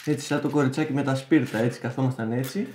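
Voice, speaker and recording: A man's voice: medium pitch, steady tone, darkish tone, slight background noise. A young man joking with vivid comparisons in a casual travel vlog. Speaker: vlogger. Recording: echoey room.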